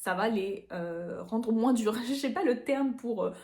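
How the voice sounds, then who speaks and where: A woman's voice: a little high, a little slow, darkish tone. A woman chatting casually through a product unboxing, rambling with fillers and little laughs. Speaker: nail artist reviewing products. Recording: echoey room.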